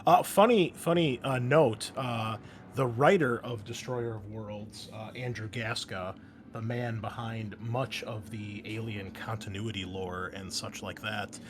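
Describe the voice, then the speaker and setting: A man with a lowish voice and measured pace acts as game master and host, chatting casually with enthusiasm and slang during table chat and a game recap. Background noise is noticeable.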